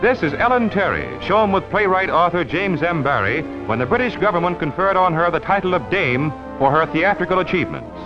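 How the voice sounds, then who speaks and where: A man's voice: high voice, animated, fairly quick. A man narrating a late-1940s newsreel in an emphatic announcer manner. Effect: old newsreel narration. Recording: dull lo-fi archival sound with loud music. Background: music score.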